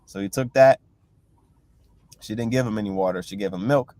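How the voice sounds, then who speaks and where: A man's voice: on the low side, normal speed, darkish tone, dry recording. A man leading a casual bible class, reading verses aloud and retelling them loosely, with constant "you know" and "right?" check-ins. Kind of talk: casual scripture teaching.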